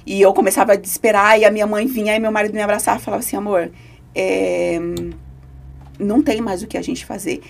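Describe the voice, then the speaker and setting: Gravelly, husky woman telling her story. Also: medium pitch, fairly even intonation, fast. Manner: emotional, earnest storytelling. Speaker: podcast guest. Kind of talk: personal testimony in conversation.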